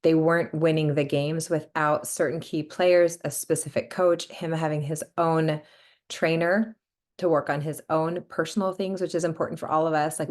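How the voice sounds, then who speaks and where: A young woman with a sickly lowered voice, hosting a casual book club chat with lots of filler words. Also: darkish tone. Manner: chatty, many "like" fillers. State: sick, voice lowered.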